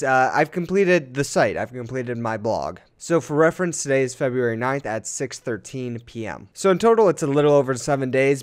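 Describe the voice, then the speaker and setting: A man's voice: mid-range voice, clear, resonant tone. A young man chatting casually in a vlog, candid with dry jokes. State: raspy morning voice. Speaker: vlogger.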